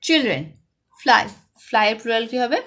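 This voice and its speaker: A woman with a high voice and a West Bengal accent gives an online lesson to young children. She asks a question, then answers it herself. Each English word comes out slow and clearly stressed. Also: lively intonation, a bit bright. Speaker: primary school English tutor.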